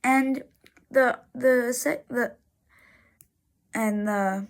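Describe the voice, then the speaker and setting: A woman's voice: on the high side, steady tone, drawn-out words. A woman casually narrating over road photos, rambling with many restarts and fillers and breaking into exasperated outbursts. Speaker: road enthusiast vlogger.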